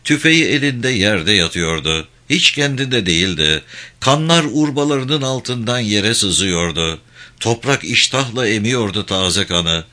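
A man narrating a war novel as an audiobook in a measured, steady way. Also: lowish voice.

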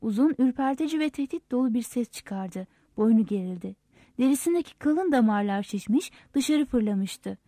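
A woman reads a novel aloud as the narrator, in a steady, measured way. Her voice sits fairly high but has a mellow, soft tone. The sound is close and dry. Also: no echo. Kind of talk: audiobook narration.

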